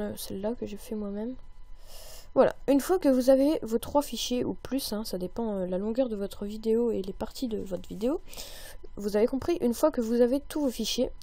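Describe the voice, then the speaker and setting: Woman, mellow slightly high voice, chatty tutorial narrator, upbeat. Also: no echo. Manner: chatty, many fillers, upbeat. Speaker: tutorial maker. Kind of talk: screen-recorded software tutorial.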